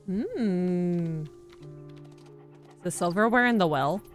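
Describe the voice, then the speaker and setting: A woman streamer giving casual, excitable commentary as she plays, talking to the characters on screen. Her voice sits a little low but swings widely in pitch, and she speaks at an unhurried pace. Game music plays faintly behind her. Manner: playful, excitable, talks to the game.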